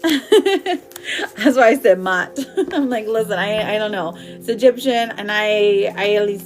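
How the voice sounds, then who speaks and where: A woman hosts a livestreamed tarot reading, chatting informally and speaking affectionately to her viewers as she reads the cards. Her medium-pitched voice is expressive and unhurried, with faint music behind her.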